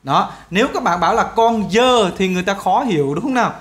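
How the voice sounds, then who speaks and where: A male English teacher, giving a pronunciation lesson and saying example words slowly, stretching the vowels. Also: sits high, animated, a bit bright.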